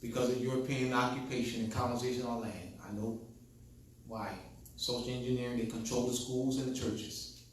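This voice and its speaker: A man's voice: medium pitch, level tone, a little fast. A man in his fifties telling his life story in conversation, emphatic and repetitive as he stresses key phrases. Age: 50s. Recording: echoey room, distant mic, faint background noise.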